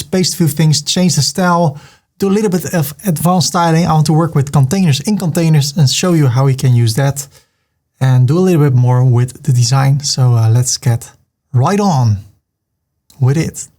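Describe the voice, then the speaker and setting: A middle-aged man with a Dutch accent talks fairly quickly in a fairly high, slightly mellow voice. He narrates a screen-recorded web design tutorial step by step, staying casual and joking now and then.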